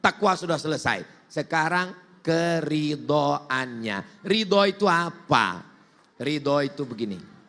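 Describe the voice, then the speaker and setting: High, bright-voiced preacher in a hall. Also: male voice, slow pace. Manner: animated storytelling, swings between high and low. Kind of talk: sermon. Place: large mosque. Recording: long hall reverb.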